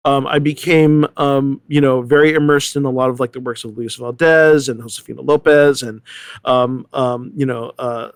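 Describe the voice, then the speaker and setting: His voice is medium-pitched, clear, and resonant, delivered at a normal speed in clean studio sound with no room sound. As an interview guest, this middle-aged American theater artistic director from San Diego chats casually, rambling through animated stories and frequently hesitating or correcting himself.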